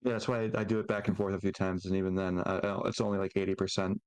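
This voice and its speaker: A man's voice: sits low, level tone, rapid-fire, clean tone, dry recording. Hesitant man chatting, close dry sound. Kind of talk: casual chat.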